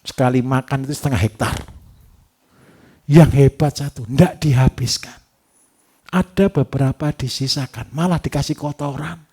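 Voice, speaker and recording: A man giving a livestock farming workshop, lively and teasing, who keeps asking his audience rhetorical questions. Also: medium pitch, normal speed, long pauses, breathy edge. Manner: animated, repetitive, teasing.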